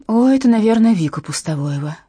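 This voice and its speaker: A woman's voice: mid-range voice, animated, a little fast, mellow, husky, dry recording, pitched above the performer's own voice. A woman voicing a chatty, gossipy female beautician in an audiobook. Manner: eager, gossipy.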